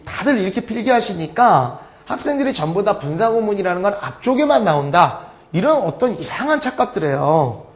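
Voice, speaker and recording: A man teaching an online English grammar lecture, joking and acting out his students' questions. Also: sits high. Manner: lively, joking, acts out students' voices.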